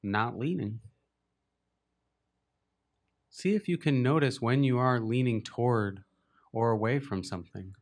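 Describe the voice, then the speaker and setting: A mid-range male voice belongs to a teacher leading a guided meditation. His words come gently and slowly, separated by long pauses.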